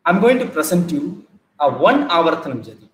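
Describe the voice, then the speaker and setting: A middle-aged man with a South Indian accent, giving an informal dance lecture-demonstration, explaining in short phrases with pauses between them. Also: a little high, sing-song, a bit bright. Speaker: classical dance teacher. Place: large bare indoor hall. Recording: echoey room, audible background noise.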